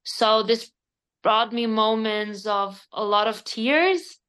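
A native Spanish speaker from Spain in her thirties, with a Spanish accent, appears as a guest in a casual podcast interview. Her voice is a little high, clear and resonant, and she talks slowly yet directly and expressively, using hesitant fillers.

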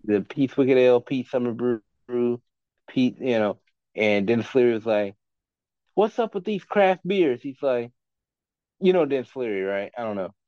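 A man sits in as a guest on a casual podcast and rambles through blunt, profanity-laced opinions. His voice sits at a middle pitch. The recording is dry and somewhat dull, with a lo-fi edge. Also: normal speed, no room sound. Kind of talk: casual chat.

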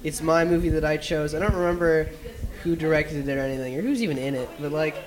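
A man's voice: a little high, fast talker, low-quality recording. A young man hosting a casual podcast, rambling loosely with lots of fillers. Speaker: podcast host.

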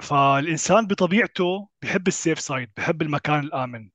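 A man with a Levantine Arabic accent talks in a casual discussion as a co-host, reasoning through measured objections on a slightly dull recording. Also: fairly high pitch, fairly bright tone, no echo.

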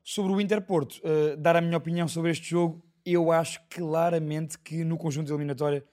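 Fast-talking man hosting sports chat. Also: on the high side, fairly even intonation, a little mellow. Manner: brisk, leads the show. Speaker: podcast host.

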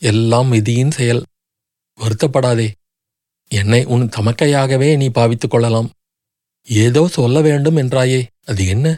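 A man voicing a composed royal princess who speaks in measured, soothing tones. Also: medium pitch, no room sound, clean studio sound, natural voice. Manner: soothing, measured, sometimes hushed. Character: composed royal elder princess, kindly but wary.

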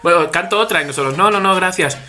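A man with a Spanish accent from Spain, co-hosting a casual podcast chat and telling stories lively, acting out each person's lines. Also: high voice, fast talker. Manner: animated storyteller acting out dialogue. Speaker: podcast co-host.

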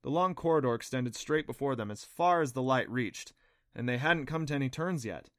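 A man narrating an adventure novel audiobook in a steady, even reading. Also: medium pitch, a little fast, dry recording, studio quality. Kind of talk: scripted narration.

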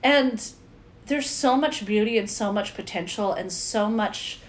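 A woman's voice: medium pitch, a little slow. A woman co-hosting a casual chat, joking and self-deprecating as she talks. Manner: jokey, animated, self-deprecating.

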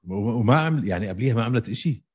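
Deep husky Levantine Arabic-accented man. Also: lively intonation, racing. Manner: emphatic, repeats phrases. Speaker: co-host of an MMA podcast. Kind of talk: casual sports chat.

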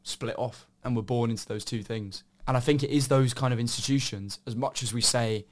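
A man co-hosts a podcast discussion. His voice is of average pitch, and he sets out his points in a conversational, discursive style. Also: brisk. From Somerset, southern England. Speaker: podcast co-host.

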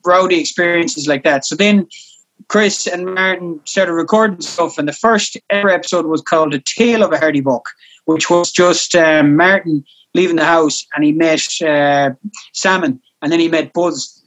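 A man's voice: a little high, normal speed, fairly bright tone, rough recording. A man with a west of Ireland accent telling casual anecdotes as a guest, rambling and repeating himself, with some swearing. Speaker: podcast guest, comedy actor.

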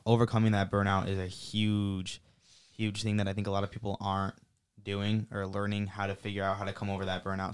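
Fast-talking earnest young man, flat delivery. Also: low-pitched, clear, resonant tone. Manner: earnest, rapid, full of fillers. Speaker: student panelist. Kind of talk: casual panel discussion.

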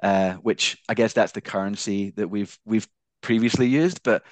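A man from Glasgow with a softened Scottish accent, answering interview questions conversationally in a hesitant way with careful enunciation. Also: lowish voice, steady tone, moderate pace, no echo. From Glasgow, Scotland. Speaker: founder of a not-for-profit, interview guest.

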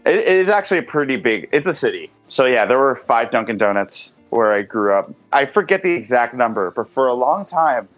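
Man from greater boston, twenties, mid pitch, relaxed unhurried talk, dry sound, faint music. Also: no echo. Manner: relaxed, unhurried, drawn-out explanations with fillers. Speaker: singer-songwriter guest. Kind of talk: casual interview chat.

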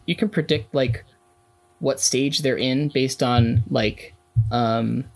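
Halting young man in casual talk. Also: mid-range voice, steady tone, vocal fry, poor audio. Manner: halting, many fillers and restarts. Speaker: student in a class discussion. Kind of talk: casual discussion.

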